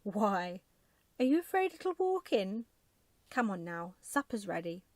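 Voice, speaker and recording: A woman voicing a brisk, bossy but kind old wife in a soft ASMR bedtime storybook reading. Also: mid-range voice, sing-song, no room sound. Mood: brisk scolding. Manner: firm, bossy, matter-of-fact.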